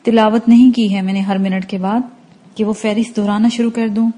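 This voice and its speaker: Woman reading a fed-up young guy pleading and arguing, soft dark tone. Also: mid-range voice, level tone, natural voice. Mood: exasperated. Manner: pleading, irritated. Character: exasperated young man, a university student.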